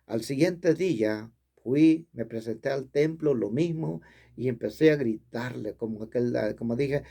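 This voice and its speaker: Man, preacher, sermon, slow, warm, earnest, repetitive. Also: medium pitch, creaky. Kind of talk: sermon testimony.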